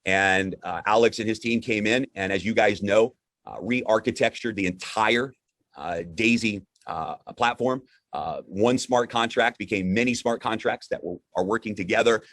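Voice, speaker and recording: Deep-voiced man hosting a live broadcast. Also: moderate pace, a bit bright, dry recording, studio quality. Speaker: host. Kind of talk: upbeat live broadcast presentation, conversational.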